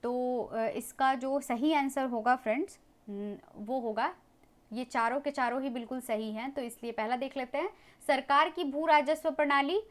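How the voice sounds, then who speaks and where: A woman teaching a history lesson, briskly working through exam questions and talking to viewers as friends. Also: high-pitched, fairly even intonation. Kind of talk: exam MCQ walkthrough lesson.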